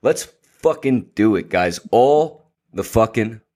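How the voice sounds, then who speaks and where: A man's voice: lowish voice, animated, slow pace, dark tone, slight background noise. A man hosting a sports betting show, talking in a hyped, sweary frat-bro manner.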